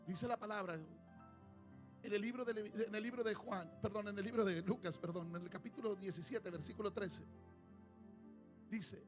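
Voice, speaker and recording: A man preaching a sermon to his congregation in church, calling them "amados" and swinging between hushed passages and shouted ones. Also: sits high, moderate pace, long pauses, music in the background. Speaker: pastor.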